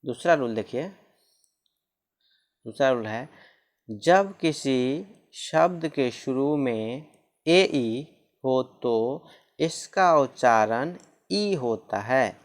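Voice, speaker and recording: A man's voice: medium pitch, expressive, extremely slow, long pauses. A man teaching a lesson on pronunciation rules, repeating each rule and spelling out words letter by letter.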